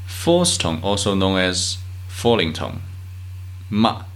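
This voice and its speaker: A man from China, hosting a language podcast, reading out sounds one by one and enunciating each with long pauses. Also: on the low side, expressive, fairly bright tone. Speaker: language teacher and podcast host. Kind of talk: slow pronunciation drill.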